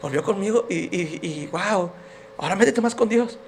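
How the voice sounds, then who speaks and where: A man's voice: sits high, normal speed, a little hiss or hum. A man giving his personal faith testimony as a podcast guest, telling his story in an earnest, emotional way.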